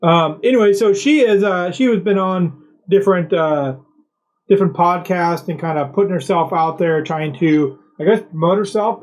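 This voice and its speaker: A male host with a somewhat high voice delivering mocking political commentary. He rambles in a sarcastic tone, stumbling through fillers and restarts, with scoffing asides between his points. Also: a little mellow, low-quality recording.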